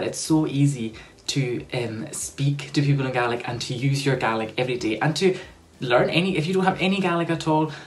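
A man in his twenties with a Scottish accent, talking informally to camera in a room at home. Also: medium pitch. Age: 20s.

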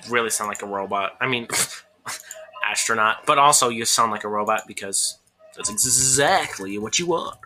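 Very bright, goofy let's-play woman. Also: very deep voice, moderate pace, faint music behind. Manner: goofy, jokey rambling with frequent laughs. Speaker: gameplay YouTuber.

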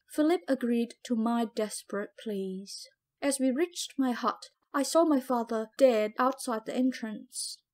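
Woman with a raised, higher voice narrating an audiobook. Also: a little mellow. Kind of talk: first-person audiobook narration.

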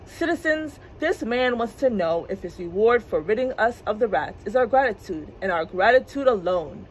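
A woman reading a storybook aloud, voicing a stingy male town mayor who speaks in a grand, booming way. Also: animated, moderate pace, slight background noise, lightly acted, low-quality recording. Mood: proud.

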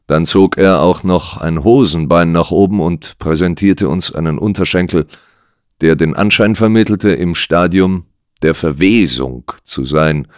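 Man, audiobook narration, very deep voice, slow unhurried delivery, measured storytelling. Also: smooth, no room sound, clean studio sound. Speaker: audiobook reader. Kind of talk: scripted first-person narration.

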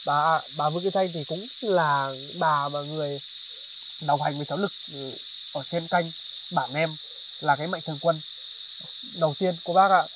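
A man hosting a charity vlog outdoors in a highland village, talking politely to viewers with many fillers. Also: fairly even intonation, normal speed, noisy background. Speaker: charity vlogger. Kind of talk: vlog narration and chat on location.

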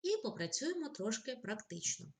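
A woman teacher giving a recorded grammar lesson, explaining rules plainly and reading example lines slowly and with feeling. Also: a little high, very animated, creaky. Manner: direct, addresses pupils with polite requests.

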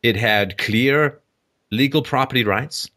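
A man hosting a call-in show, explaining at length in a conversational way, often pausing with ums and restarting phrases. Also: mid-range voice, pushed and bright. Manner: hesitant, frequent ums and restarts.

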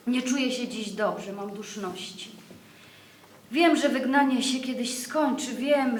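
A woman's voice: on the high side, a little hiss or hum, natural voice. An actress playing a weary woman revolutionary in exile, talking in a rambling, fretful way on a theatre stage. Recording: echoey, distant stage sound.

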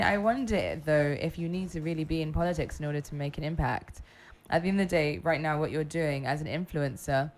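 A young woman hosting a casual podcast conversation in a small radio studio, asking reflective, probing questions. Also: low-pitched. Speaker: podcast host. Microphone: studio mic with headphones.

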